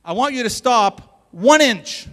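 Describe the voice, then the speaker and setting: A man voicing a calm, terse older male martial arts master who gives commanding instructions. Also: very high-pitched, slow pace, pitched above the performer's own voice, exaggerated voice. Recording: long reverb of a large hall.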